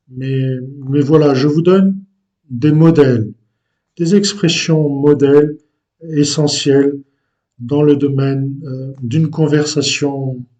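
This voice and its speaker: Slow, hesitant man teaching language. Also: mid-range voice, mellow. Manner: slow and deliberate, with frequent hesitations. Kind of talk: unscripted language lesson.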